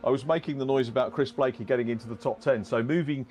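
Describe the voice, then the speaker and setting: A man's voice: mid-range voice, fast, a little mellow. A man giving conversational motorsport commentary and analysis in a rambling, hesitant, self-correcting way.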